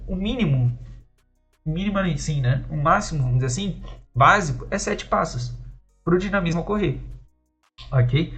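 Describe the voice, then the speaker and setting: A man's voice: a little high, a bit bright. A man casually explaining the magic rules of a tabletop role-playing game, talking loosely and checking in with listeners as he goes. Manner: loose, conversational, many fillers and rhetorical checks. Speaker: tabletop RPG system designer explaining rules.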